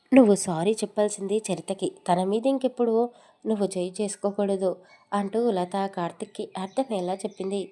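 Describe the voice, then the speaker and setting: A woman narrating a romantic audio story with a Telugu accent, voicing every character's dialogue herself. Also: mid-range voice.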